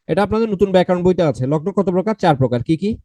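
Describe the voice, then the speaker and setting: Guy teaching grammar, highish soft voice, keeps asking the class stuff, dry sound. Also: lively intonation, fast talker, no room sound. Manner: repeats points, quizzes the class with questions. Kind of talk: online exam-prep lecture.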